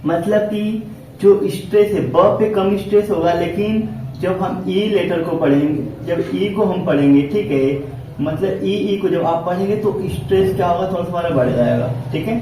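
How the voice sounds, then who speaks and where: A male teacher explaining English pronunciation to a class, repeating himself, asking questions and answering them, sometimes stretching his words slowly. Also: sits high, dark tone, a little hiss or hum. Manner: repetitive, asks and answers his own questions. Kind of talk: classroom lesson. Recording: echoey classroom from far off.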